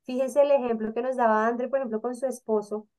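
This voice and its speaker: Woman, co-host, casual panel chat, lively, acts out quotes, a bit high-pitched. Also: fast talker. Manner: animated, acts out quoted voices.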